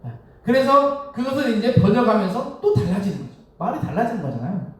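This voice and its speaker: A man's voice: high-pitched, sing-song, fairly quick. A man giving a Sunday sermon as a Won Buddhist minister, speaking conversationally, asking the congregation questions and chuckling often. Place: temple hall. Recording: very echoey hall, distant mic.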